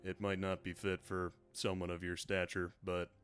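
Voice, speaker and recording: Monotone cat shop employee, male player, deep voice, plodding sales patter, fantasy game. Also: moderate pace, soft background music. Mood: hesitant selling.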